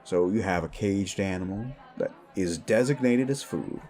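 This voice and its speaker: A man delivers scripted lines as a veteran werewolf mentor, older and patient, speaking frankly and in a teaching tone. The voice is low and dark at an ordinary speed, with only light acting.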